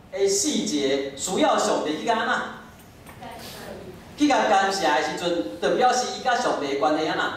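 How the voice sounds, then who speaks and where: A man with a Taiwanese accent preaching a sermon in an emphatic, conversational way, prompting listeners with short questions and interjections. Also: high-pitched. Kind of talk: sermon with rhetorical questions, closing in prayer. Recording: very echoey room, distant mic, faint noise.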